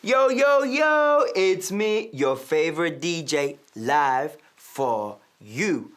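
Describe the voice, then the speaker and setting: A hammy, very slow DJ. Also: male voice, on the high side, sing-song, a bit bright, exaggerated voice. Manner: dramatic, drawn-out, hammy. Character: showy male radio DJ making a romance album. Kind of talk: TV comedy sketch.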